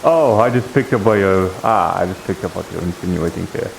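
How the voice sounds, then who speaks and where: A streamer role-playing in a VR game improvises dialogue, thinking aloud hesitantly in a low-pitched, fairly quick male voice. The recording is clearly noisy, with a hiss like rain.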